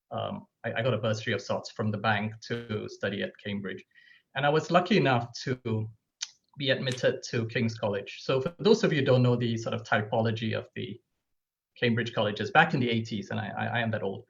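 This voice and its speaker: A man in his fifties from Singapore shares personal remarks as a panelist, chatty and full of ums and restarts. His voice has a gravelly edge, and it comes over a dull, lo-fi call line. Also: medium pitch. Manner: conversational, many ums and self-corrections. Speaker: bank treasurer, panelist. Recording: lo-fi video call audio.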